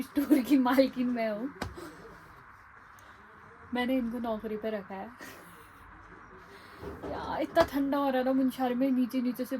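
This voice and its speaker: A chatty woman vlogger with a fairly high voice talks casually to her viewers as she walks around outdoors. She points things out as she goes, recorded on a phone with plain background noise behind her. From Uttarakhand, India. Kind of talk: casual vlog chat. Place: outdoors in a cold hill town.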